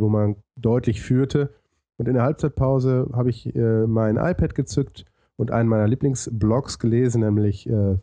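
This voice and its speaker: Appearing as a guest on a podcast interview, a man with a lisp and a low, dark-toned voice tells his story, working through it point by point and hesitating often. There's no room sound in the recording.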